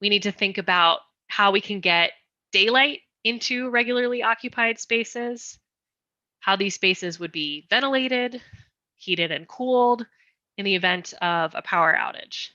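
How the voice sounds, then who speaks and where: The audio is dull and dry, much like a low-quality video call, as a woman guides a community meeting through her design concepts. She explains carefully and slows her pace on request, her voice bright with a slightly low pitch.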